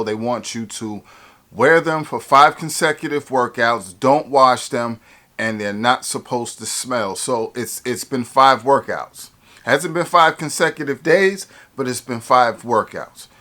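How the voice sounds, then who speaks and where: A man's voice: medium pitch, pushed and bright. A man in a casual product review vlog, chatty and hyped, restarting his sentences with lots of ums. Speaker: fitness vlogger reviewing gear.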